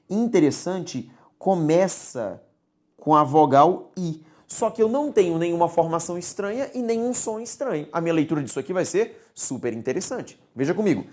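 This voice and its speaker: Low, warm woman teacher, didactic lesson delivery, repeats key points. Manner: didactic, repeats key words, checks in with "tudo bem?". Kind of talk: recorded grammar lesson.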